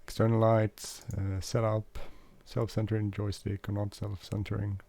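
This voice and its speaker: This man hosts flight sim videos and speaks English as a non-native speaker, casually taking viewers through a flight simulator with frequent fillers, hesitations, and self-corrections. He has a fairly low, dark voice with vocal fry, a level tone, and normal speed. There's slight background noise behind the casual gameplay walkthrough.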